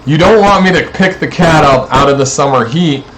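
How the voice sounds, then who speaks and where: A man's voice: on the high side, moderate pace, a bit bright, a little hiss or hum, poor audio. A man in a rambling, profane, accusatory monologue aimed at his neighbors.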